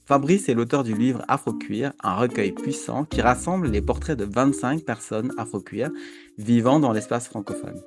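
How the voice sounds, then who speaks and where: A male podcast host opens the show with a formal scripted welcome. His voice sits at a middle pitch. Music plays clearly underneath him. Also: normal speed. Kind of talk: scripted introduction. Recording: music playing behind.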